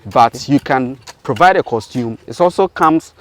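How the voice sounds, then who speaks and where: A man's voice: medium pitch, lively intonation, moderate pace. A man hosting an enthusiastic on-site interview outdoors on a farm. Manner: enthusiastic, keeps saying awesome. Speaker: video host touring a school farm.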